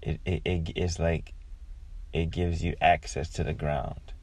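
A man with a low, flat voice gives an informal devotional talk, reflective and halting, often stopping mid-phrase. Heavy vocal fry runs throughout.

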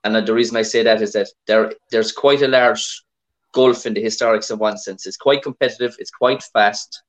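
A man's voice: on the low side, steady tone, normal speed. An Irish man talking casually as a guest in a podcast interview over his phone. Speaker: podcast guest, historic rally competitor.

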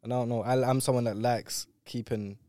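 A young man with a mellow voice and a London roadman accent talks fast in casual, slangy chat. The sound is dry and close, and the pitch sits a bit low. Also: steady tone, no room sound. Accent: London, urban roadman slang style. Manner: slangy, colloquial. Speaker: guest musician on a talk show.

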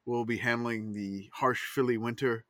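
Male co-host speaking from inside a closet; crisp, tense-edged voice with a dead, dry sound, quick to chime in. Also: medium pitch, steady tone, fairly bright tone, no room sound. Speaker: podcast co-host. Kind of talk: casual sports chat.

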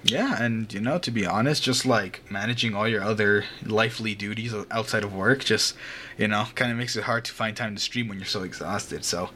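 Speaking fairly quickly in a lowish, bright, forceful voice, a young podcast host rambles through casual chat, laughing a lot and occasionally swearing. He's at home with a fan running, on a home mic over a voice call, with a little hiss or hum.

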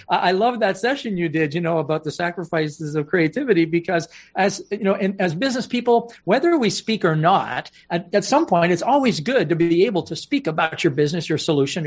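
A man, a professional speaker, telling anecdotes with punchlines in an interview and laughing easily. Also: high-pitched. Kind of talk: storytelling interview talk.

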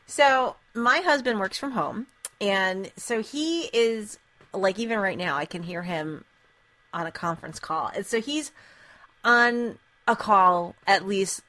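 Bright-voiced, chatty woman telling a story. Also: mid-range voice, slow pace. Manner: chatty, laughs often while telling a story. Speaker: podcast co-host. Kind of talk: casual chat, storytelling.

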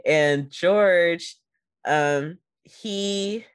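A woman's voice: on the low side, drawn-out words, clean tone, no room sound, studio quality. A woman co-hosting a casual movie review chat, retelling scenes with laughs and acting out the characters' lines. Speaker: podcast co-host.

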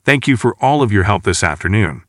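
A man reading the part of a woman military captain in an audiobook, barking short orders in a brisk, commanding way. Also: lowish voice, lively intonation, dry recording, clean studio sound, lightly acted.

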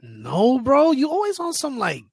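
A podcast co-host teasing his friends in excitable, slangy banter. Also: extremely high pitch, a little slow, vocal fry, husky, dry recording, studio quality. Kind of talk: casual chat.

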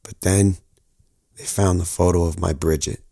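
A man portrays a young soldier narrating his haunted war memories in the first person, earnest and halting, stammering into repeats. His low voice is gravelly and warm with fairly even intonation, in dry, clean studio sound.

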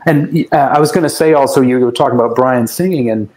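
A man's voice: mid-range voice, fast, a little mellow, low-quality recording. Rambling male musician telling stories. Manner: rambling, anecdotal, with restarts. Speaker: guest musician. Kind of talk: casual interview storytelling.

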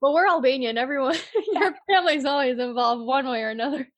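A real estate agent in her twenties answers interview questions bluntly and casually, acting out quotes as she goes and saying "like" a lot. Her voice is high-pitched and quick, with no room sound.

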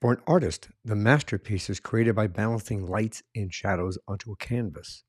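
A man hosting a podcast, reading a measured, promotional intro before interviewing his guest. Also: fairly low pitch, husky, no room sound, clean studio sound. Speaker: podcast host. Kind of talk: scripted intro then interview.

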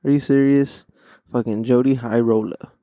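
A stoned young man hosts a casual solo podcast. His voice sits at a medium pitch in a dry, echo-free recording. He talks in loose, profane bro slang, circling back over his own phrases. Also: steady tone, normal speed, warm tone. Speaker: podcast host.

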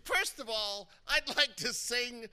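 A man in improvised comedy playing a cheerful, scheming small-town mayor with folksy, halting announcer patter. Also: very high voice, bright, forceful tone, clear, resonant tone, exaggerated voice. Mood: breezy announcing.

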